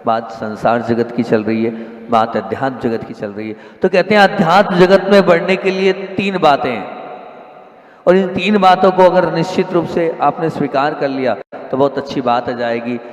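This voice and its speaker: A man's voice: on the high side, moderate pace. A man delivering a sermon, questioning his listeners and repeating key phrases with rising emphasis. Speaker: Jain monk preacher. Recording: echoey hall with long reverb.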